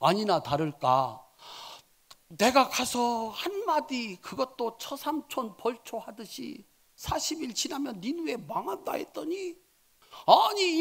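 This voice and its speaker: High, animated male preacher. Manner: dramatic storytelling, swinging between soft asides and loud exclamations. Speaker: senior pastor. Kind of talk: sermon.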